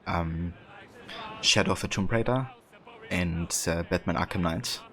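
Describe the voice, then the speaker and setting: A man's voice: sits low, measured pace, a bit bright. A man livestreaming a video game, chatting casually with viewers in a hesitant, thoughtful way. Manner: hesitant, thoughtful, reads and answers chat. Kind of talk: casual chat with viewers while playing. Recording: clear background game noise. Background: game ambience.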